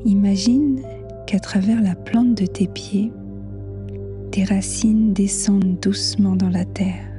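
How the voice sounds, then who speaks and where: A woman guides a meditation very slowly over faint new-age music. Her voice is soft, mellow and half-whispered, and she leaves long, soothing pauses between short phrases. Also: mid-range voice, fairly even intonation. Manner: slow, hushed, soothing delivery with long pauses.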